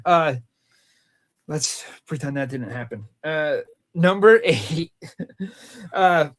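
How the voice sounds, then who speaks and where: His voice is fairly high and fairly bright, with lively intonation and an unhurried, slow delivery. The Rhode Island man co-hosts a movie countdown show, joking and teasing through casual talk about films.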